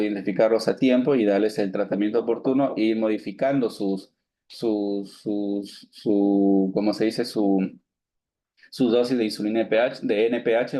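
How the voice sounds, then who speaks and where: A Peruvian physician in his thirties lectures medical students in a medium-pitched, dark voice. He works through the material step by step, posing and answering his own questions, with frequent restarts and fillers like "digamos" and "esto."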